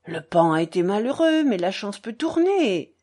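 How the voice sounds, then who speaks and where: A woman reading a novel aloud, voicing a haughty gentleman gambler who talks stiffly in halting, broken phrases. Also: medium pitch, very animated.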